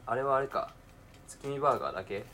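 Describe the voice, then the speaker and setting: A young man with a Kansai accent talking casually to himself while cooking, swinging between quiet mumbling and excited outbursts. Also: mid-range voice, fast, slight background noise. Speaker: podcaster.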